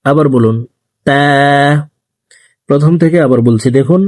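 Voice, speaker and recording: A man teaching Quran reading in a slow, gentle lesson, saying each letter over and over so viewers can repeat after him. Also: medium pitch, no room sound, studio quality.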